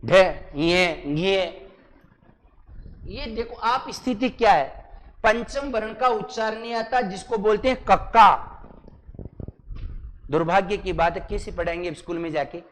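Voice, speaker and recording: A man from Rajasthan teaches a coaching class in a fairly high voice, and his pace is slow and deliberate. He keeps firing the same question at his students and stretches each syllable out for them to copy. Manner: repetitive question-and-answer drilling of students; exaggerated slow syllable-by-syllable pronunciation. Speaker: Hindi teacher. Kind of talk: live coaching class lecture.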